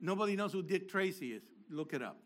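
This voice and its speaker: A man's voice: high-pitched, lively intonation, fast, a bit bright. An older man teaching a sermon, explaining Hebrew words with emphatic bursts. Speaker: Messianic teacher.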